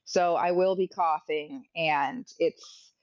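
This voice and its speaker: Hoarse woman telling her story frankly. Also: low voice, fairly even intonation, slow pace, no echo, highs cut off. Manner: frank, chatty, occasional coughs. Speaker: podcast guest sharing a personal story. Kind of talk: candid conversational storytelling.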